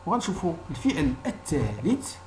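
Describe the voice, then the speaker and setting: This Moroccan teacher speaks fairly quickly, his lively pitch ranging widely as he runs an informal language lesson. Arabic is his native language, and he explains methodically, often repeating brief example phrases, with a faint hum in the background.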